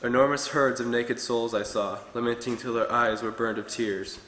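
A young man preaches earnestly from his notes at a pulpit. His voice is bright and forceful. The sound carries a long reverb from a large, echoey church hall. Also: medium pitch, steady tone, normal speed, slight background noise. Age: young adult. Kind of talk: sermon. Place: church hall with wood-paneled walls.

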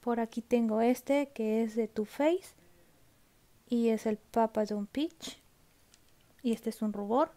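A woman's voice: on the high side, takes it slowly, long pauses, mellow. A woman vlogging casually from home, showing her makeup collection, chatty and often checking in with her viewers, sometimes dropping to a whisper. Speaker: beauty vlogger. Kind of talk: casual product show-and-tell.

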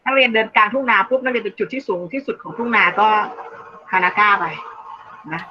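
A woman teaching an English class online, explaining slowly in Thai and reading English phrases aloud. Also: on the high side. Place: online video call. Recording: dull lo-fi call audio, faint noise.

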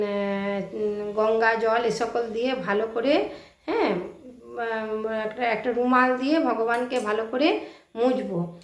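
A woman with a Bengali accent gives a devotional talk on rituals, asking questions and answering them herself, often checking in with her listeners. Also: a little high. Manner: checks in with "ঠিক আছে?". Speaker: devotional teacher. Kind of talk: religious talk explaining rituals. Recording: echoey room.

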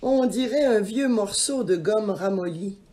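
A woman's voice: medium pitch, lively intonation, measured pace, dark tone, voice pushed up, natural voice. A woman voicing a stubborn little girl who speaks in an insistent, defiant way in a storybook reading.

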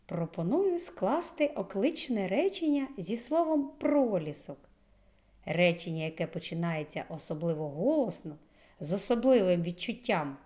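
A woman preschool teacher talks in a slow, unhurried way, her voice rising and falling a lot. She sounds out words with clear stress for small children. Her voice sits a little on the low side. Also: mellow. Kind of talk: children's lesson.

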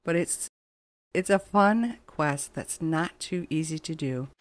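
In a dry recording, a woman's deep voice unfolds at a slow pace. She hosts a gaming channel and chats casually over game footage and its music, rambling conversationally through a let's play.

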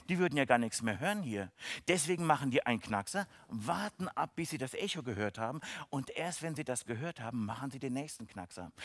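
A man giving a lively, playful science lecture for children, enthusiastic and speaking directly to the kids. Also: mid-range voice, no echo. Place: university event, online stream.

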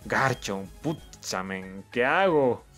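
A man's voice: medium pitch, expressive, slow, fairly bright tone, soft background music. A young man giving casual let's-play commentary as the host of a gaming channel, cheering his team on, thinking aloud and swearing often.

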